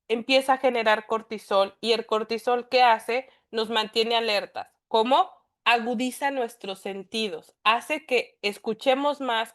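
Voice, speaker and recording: A woman with a Mexican accent teaches a class in a voice that sits a little high. She explains things patiently, point by point, and keeps asking rhetorical questions to check that her listeners follow. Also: a bit bright. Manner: explanatory, poses rhetorical questions and tags them with "¿no?". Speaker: instructor. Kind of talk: class lecture.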